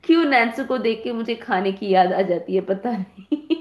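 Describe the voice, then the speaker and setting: A woman's voice: a little high, animated, normal speed, reverberant. A woman from India hosting a casual live stream, reading viewer comments aloud and teasing them affectionately like a big sister.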